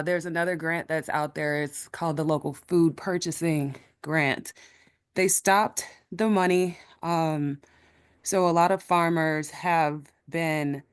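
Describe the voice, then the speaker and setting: Out-of-breath woman, low smooth voice, earnest webinar question. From Chicago. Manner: earnest, explains at length with many ums. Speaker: audience member asking a question.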